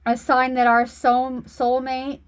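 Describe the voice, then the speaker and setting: Female spiritual healer and card reader, slightly high voice, unhurried, earnest and reassuring. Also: level tone. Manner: slow, earnest, reassuring delivery. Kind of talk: oracle card reading.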